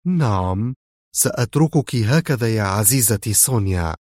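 Man doing smug male villain, calm, quiet mockery, unhurried, dry sound, middle pitch. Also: dry recording, lightly acted.

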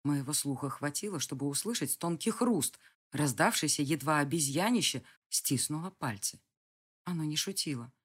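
A narrator giving a lively, expressive first-person reading of a fantasy audiobook. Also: mid-range voice, moderate pace, breathy edge.

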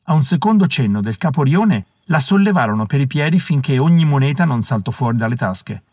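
A man reading an audiobook as the narrator, telling the story in a measured, dramatic way on a close studio mic. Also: medium pitch, expressive, a little mellow, no echo. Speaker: audiobook reader. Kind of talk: scripted narration.

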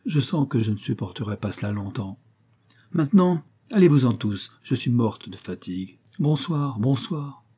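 A man's voice: mid-range voice, lively intonation, normal speed, dark tone, slightly rough. A man reading aloud, voicing a weary, fretful genteel mother who speaks with dramatic exasperation.

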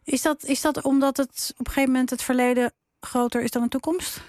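A woman radio host who asks questions in a relaxed, conversational way and probes further. Her voice sits a little high. The sound is dry and close to a studio microphone. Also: fast, no room sound. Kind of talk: radio interview.

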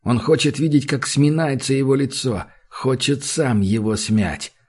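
A man reading a literary novel aloud in a measured, intense manner. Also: medium pitch, a little mellow, breathy edge. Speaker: audiobook narrator. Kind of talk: scripted literary narration.

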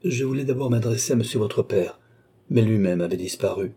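Lovesick young man, humble, pleading, read by a man with a husky, warm tone. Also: on the low side, a little fast. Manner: pleading, humble, breathless apologies. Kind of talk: audiobook character voice.

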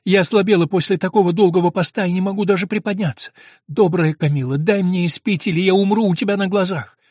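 A man's voice: sits high, fairly even intonation, fast, darkish tone, no room sound, studio quality, voice pushed up. A man voicing a starving, chained woman prisoner who pleads in breathless exclamations. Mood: pleading.

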